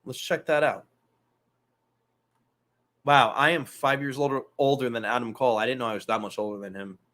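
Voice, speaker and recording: A man's voice: mid-range voice, fairly even intonation, moderate pace, fairly bright tone. A man hosting a casual wrestling talk show, loose and profane, rambling through asides. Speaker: podcast host.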